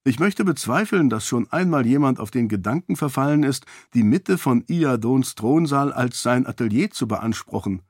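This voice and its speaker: A headstrong young princess with a lifted, lively voice, as a male narrator puts her on. She speaks quick and bright, sounding close and dry. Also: mid-range voice, slightly rough, no room sound. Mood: spirited. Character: stubborn, spirited young princess.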